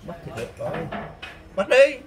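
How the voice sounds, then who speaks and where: With crowd chatter in the background, a man with a Southern Vietnamese accent trash-talks and teases his opponent during a street chess game, boasting and laughing. His voice is high-pitched and brisk, swooping wildly in pitch.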